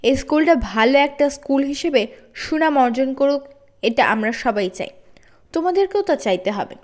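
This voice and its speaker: A stern middle-aged father from a read-aloud story, played by a woman speaks slowly and firmly, pressing on each word. The voice sits quite high for a man. He sounds steady and calm. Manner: measured, firm, stressing each word.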